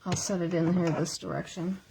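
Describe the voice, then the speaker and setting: A woman's voice: on the low side, steady tone, fairly quick, gravelly, heavy background noise. Woman, casual craft tutorial, chatty, talks herself through each step, craft table, iPad camera. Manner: chatty, thinks aloud while working. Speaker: card-making demonstrator. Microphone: iPad camera on a stand.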